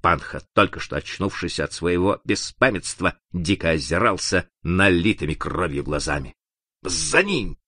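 A man narrating an adventure audiobook in an expressive, dramatic reading. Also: low-pitched, moderate pace, hardly any pauses, dry recording, clean studio sound.

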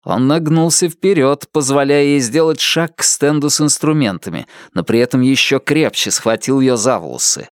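A man narrating a dark thriller audiobook in a tense, vivid way. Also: medium pitch, moderate pace, few pauses, clean tone, no room sound, clean studio sound. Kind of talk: dramatic audiobook reading.

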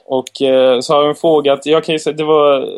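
A man's voice: fairly high pitch, little pitch movement. A man hosting a podcast in casual chat, joking around, repeating himself and tripping over his words. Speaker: podcast host.

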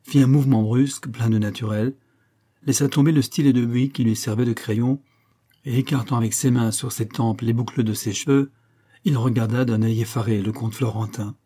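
Male audiobook reader, measured storyteller, mellow dark voice. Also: medium pitch, steady tone. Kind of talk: scripted narration of a classic novella.

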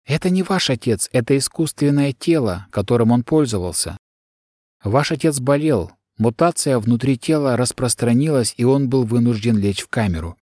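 A man voicing an electronic secretary, soft-spoken, formal and level. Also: mid-range voice, expressive, moderate pace, no echo, clean studio sound, lightly acted. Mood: calm. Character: electronic secretary, male, polite, calm machine.

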